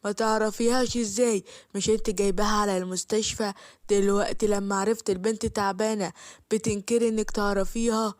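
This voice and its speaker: A woman's voice: mid-range voice, fairly even intonation, fast talker, dry recording, studio quality, lightly acted. A woman with an Egyptian accent voicing an angry male doctor who accuses sternly. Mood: outraged.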